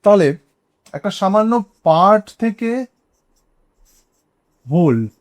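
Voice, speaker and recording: A man's voice: sits high, animated, takes it slowly. A man with a Bengali accent teaching an English grammar lesson, explaining examples step by step and posing questions to students. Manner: spells out words letter by letter, asks rhetorical questions.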